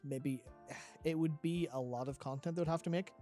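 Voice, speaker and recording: A man's voice: fairly high pitch, moderate pace, dark tone, soft background music. A man in a conversational game discussion, working through his ideas aloud in an analytical way. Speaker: gaming discussion co-host.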